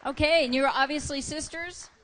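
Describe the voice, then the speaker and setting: Female live event host, high voice, interviewing kids on an outdoor stage. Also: steady tone, normal speed, a bit bright. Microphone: handheld stage microphone.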